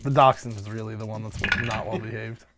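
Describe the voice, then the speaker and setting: A man narrating a tabletop game as game master, improvising in a casual, halting way. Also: fairly low pitch, steady tone, background noise.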